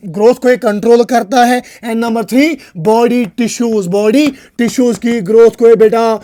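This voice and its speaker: Teacher with a sore throat and high voice. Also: male voice, steady tone, measured pace, dark tone. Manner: repeats terms and quizzes students, calling them "beta"; mixes English terms into Hindi. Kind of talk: recap and whiteboard lecture.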